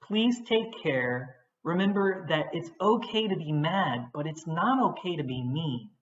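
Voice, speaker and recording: A woman teacher giving a patient, gentle lesson on feelings for young children. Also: low-pitched, animated, measured pace. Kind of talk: children's social-emotional lesson. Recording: echoey, dull recording.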